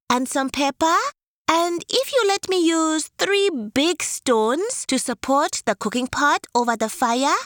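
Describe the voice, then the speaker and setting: A woman's voice: sits high, a bit bright, dry recording, studio quality, pitched above the performer's own voice, exaggerated voice. A woman voicing a sly, sweet-talking female tortoise in a children's folk tale, polite and coaxing.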